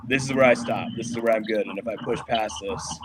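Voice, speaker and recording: A middle-aged musician from Colorado guests on a casual podcast interview, talking in a laid-back, rambling way. His voice is fairly low with fairly even intonation and a brisk pace. He's on a remote line with a noisy background.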